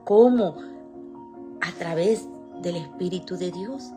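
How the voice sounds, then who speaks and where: A woman's voice: fairly low pitch, takes it slowly, music in the background. A woman preaching an earnest sermon, telling her own testimony and reading scripture aloud.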